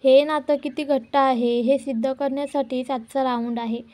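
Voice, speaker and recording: A male contest announcer explains the final round in a serial retelling, read by a woman narrator. The voice stays high and soft-edged, close to her plain reading. He sounds formal and explanatory. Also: fairly even intonation, normal speed, dry recording, close to an everyday voice. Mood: announcing.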